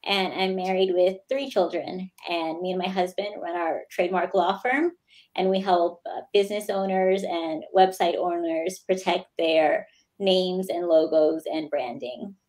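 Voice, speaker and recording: A woman in her thirties with an American accent, speaking as a guest over a video call in a plain, steady way. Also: lowish voice, measured pace, rough recording. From United States. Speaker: guest, lawyer. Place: small indoor room. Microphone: video call webcam.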